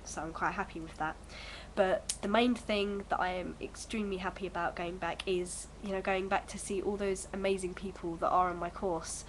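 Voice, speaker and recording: With few pauses, normal speed, and fairly even intonation, this lowish female voice sits on a low-quality recording with slight background noise. An early-twenties vlogger congested from a cold, she rambles hesitantly to camera at home, full of fillers.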